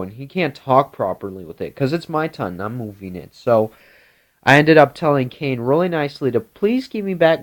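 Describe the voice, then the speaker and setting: Man rambling through a made-up tale. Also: medium pitch. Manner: meandering, full of restarts and 'like'. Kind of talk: rambling improvised storytelling.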